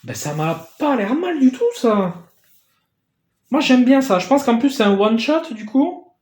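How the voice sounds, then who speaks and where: A man in a casual unboxing vlog who gets excitable, swears casually and thanks the sender again and again. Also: very high voice, unhurried, roomy sound. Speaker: YouTuber opening a gift parcel.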